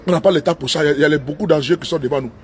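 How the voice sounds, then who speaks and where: High-voiced man rambling live from his car. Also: very fast. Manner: repetitive, talkative, mixes in broken English. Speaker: live streamer. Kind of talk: rambling livestream monologue. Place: inside his parked car with engine running.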